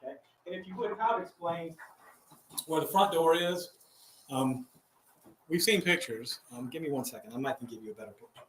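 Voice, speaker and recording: Male defense attorney, courtroom recording playback; quick folksy questioning, far mic. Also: on the high side, expressive, slight background noise. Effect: courtroom recording played back. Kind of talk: cross-examining a witness. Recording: roomy, distant courtroom mic.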